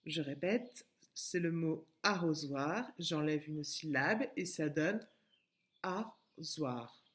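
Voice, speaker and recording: A woman with a French accent giving a remote phonics lesson to young children, with careful, clearly split syllables and patient explanations. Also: low-pitched, slow pace. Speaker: kindergarten teacher.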